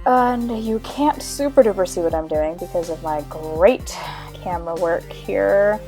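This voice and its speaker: A woman's voice: fairly low pitch, a little slow, dark tone. Tired, hungover young woman chatting over music. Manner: self-deprecating, wry, chatty. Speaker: makeup vlogger. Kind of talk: casual voice-over makeup tutorial. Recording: background music under voice-over.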